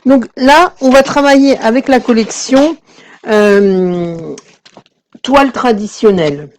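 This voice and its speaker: A woman leads a live crafting tutorial in a loose, chatty way. Her tone is mellow and relaxed. She keeps drifting off into asides and restarting her sentences as she explains the work. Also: on the high side, slow pace. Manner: chatty, digressive, many fillers and restarts. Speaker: crafting demonstrator.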